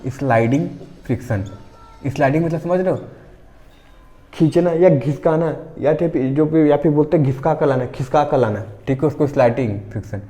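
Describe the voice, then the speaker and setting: Mellow-voiced man teaching physics. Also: on the high side, normal speed. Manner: conversational, repeatedly checking understanding with the class; explains through everyday examples. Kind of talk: exam-prep physics lesson.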